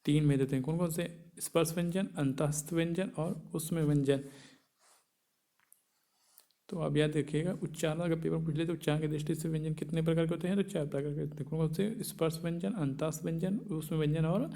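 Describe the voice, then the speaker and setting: A man's voice: fairly high pitch, fairly even intonation, fairly quick, creaky, warm tone. A male teacher giving an exam-prep grammar lesson, posing questions and answering them himself and repeating key points.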